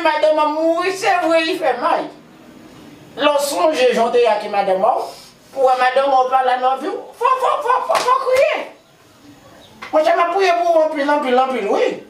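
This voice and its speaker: A man's voice: very high voice, expressive, moderate pace, slight background noise. A man with a Haitian accent playing a grief-stricken widower who sobs, wails and keeps calling out to Jesus. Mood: lamenting. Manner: repeats words, cries out to Jesus. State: wailing and sobbing. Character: grief-stricken man mourning his dead wife.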